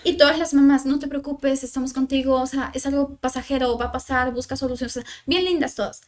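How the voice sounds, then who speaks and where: A woman's voice: high voice, steady tone, quick pace. A young woman with a Mexican accent, a psychologist guest on a parenting podcast, telling a personal story in conversation and acting out the lines of those involved, with many fillers. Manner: recounts dialogue, filler-heavy with "o sea" and "le digo".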